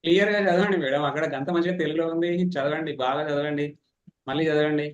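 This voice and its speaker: A man, teaching public speaking in an online class, fast and animated, teasing participants. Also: on the high side, reverberant, highs cut off. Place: online meeting.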